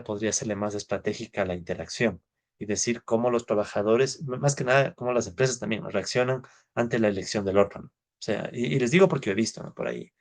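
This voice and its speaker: This Ecuadorian man speaks in a fairly low voice with vocal fry, giving a relaxed university economics lecture. He thinks out loud in a conversational way and keeps checking in with students through short tag questions.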